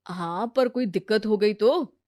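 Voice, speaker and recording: A woman voicing a sensible grown man, a brother-in-law who talks patiently and gently lectures. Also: medium pitch, unhurried, close to an everyday voice. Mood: calm.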